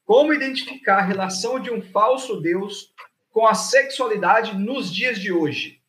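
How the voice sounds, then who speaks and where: A Brazilian man with a high-pitched voice hosts in a casual, slangy way, reading out questions. The sound is roomy, with clear echo around his voice. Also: a little slow, a bit bright. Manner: slangy, informal. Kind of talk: casual chat.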